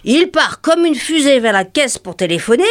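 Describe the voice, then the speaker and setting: A woman playing an excitable, gleeful working-class woman. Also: high voice, moderate pace, no echo, clean studio sound. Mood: excited. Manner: animated, breathless gossiping, acts out every voice. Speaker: storyteller recounting to a friend. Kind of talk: stage play acting.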